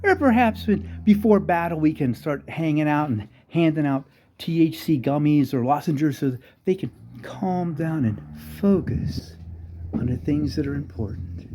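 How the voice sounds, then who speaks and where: An older man delivering a rambling satirical monologue full of sarcastic, deadpan asides. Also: on the high side, a little slow, a little hiss or hum. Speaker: comedic commentator.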